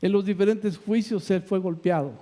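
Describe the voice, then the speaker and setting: A man's voice: high voice, moderate pace, dark tone. A male pastor preaching a sermon with emphatic, repeated phrases.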